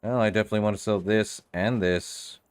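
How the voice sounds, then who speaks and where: Casting: male let's-play streamer, low register, offhand self-directed commentary. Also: fairly even intonation, brisk, smooth. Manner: offhand, muttering reactions to self. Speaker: game streamer.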